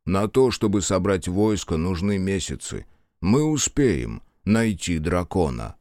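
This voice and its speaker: A composed monk in a fantasy audiobook, speaking low, slowly and quietly to calm an enraged warrior, as a male narrator voices him. the recording is dry and close. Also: no room sound. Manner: quiet, soothing, measured.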